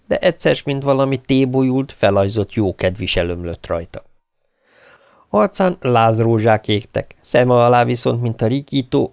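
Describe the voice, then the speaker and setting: A man's voice: on the low side, vocal fry, a little mellow, no echo, studio quality. A man narrating an audiobook in a dramatic way, voicing the characters. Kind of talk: scripted narration.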